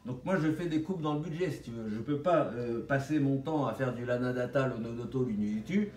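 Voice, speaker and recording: A man's voice: mid-range voice, brisk, darkish tone, a little hiss or hum. A man talks in a casual, blunt vlog monologue, wandering through slangy asides. He has a slight lisp that whistles on the S sounds. The sound is roomy and echoey, picked up some way from the microphone. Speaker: vlogger. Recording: roomy echo, distant microphone.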